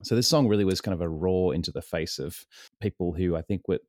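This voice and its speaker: An Australian man in his late thirties, his accent worn slightly toward American, talks earnestly and reflectively as a podcast guest. His voice sits very low. The recording is close and dry. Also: quick pace, a little mellow, no room sound. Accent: Australian, softened toward American. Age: 30s. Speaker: guest singer-songwriter. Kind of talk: casual interview chat.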